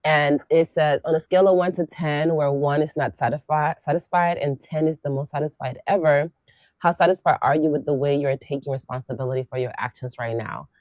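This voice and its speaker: A woman hosting a casual conversation, reflective and lively, laughing often. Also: low-pitched, a little fast, dry recording. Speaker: podcast host and coach.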